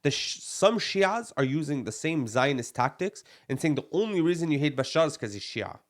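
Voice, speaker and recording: Young man, podcast co-host, fairly high voice, blunt and heated, says "bro" a lot. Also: big pitch swings, normal speed. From Palestine. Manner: blunt and emphatic, repeats "bro" and Arabic phrases.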